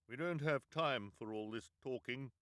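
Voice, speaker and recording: A man's voice: mid-range voice, measured pace, a bit bright, dry recording, clean studio sound, voice pushed up, close to an everyday voice. A man voicing a clever teenage boy trying to sound fierce and urgent. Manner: urgent, forced toughness.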